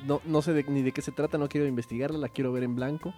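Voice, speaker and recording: Slangy Mexican man with a mid-pitched voice. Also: steady tone, quick pace, dark tone, soft background music. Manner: opinionated, heavily slangy, profane. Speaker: podcast co-host. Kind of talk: casual chat about films.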